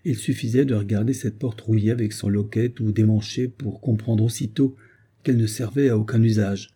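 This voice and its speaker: A man narrating a classic novel as an audiobook, in a measured, steady reading. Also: lowish voice, slightly rough.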